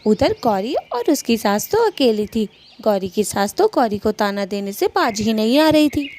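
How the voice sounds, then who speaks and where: A woman narrating a cartoon story in a plain, steady storytelling voice. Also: on the high side, a little slow, a little hiss or hum.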